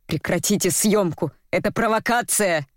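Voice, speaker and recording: A woman's voice: medium pitch, normal speed, no room sound, studio quality, natural voice. A woman voicing a stern, flustered older male actor in an audiobook. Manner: stern, then confused.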